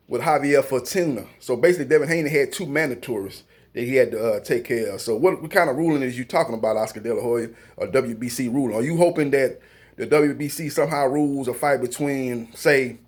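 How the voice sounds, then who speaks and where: A man talking through the latest boxing news in a loose, unscripted way. He rambles, stacks up fillers and restarts, and gives strong opinions as he goes. His voice sits in an ordinary middle range for a man. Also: medium pitch. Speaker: boxing news channel host. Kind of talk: casual boxing news commentary.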